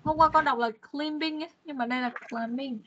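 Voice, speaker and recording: A woman English teacher on an online class call, explaining patiently and drilling words slowly. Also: high-pitched, steady tone, fairly bright tone. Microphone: computer mic on video call. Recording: dull, lo-fi video call audio.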